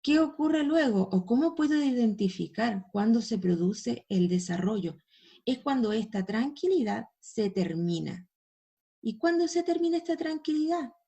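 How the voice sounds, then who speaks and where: A woman's voice: fairly high pitch, expressive, moderate pace, creaky, dark tone, slightly rough. A woman teacher giving a recorded language lesson to schoolchildren, explaining step by step and pointing students to images. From Chile.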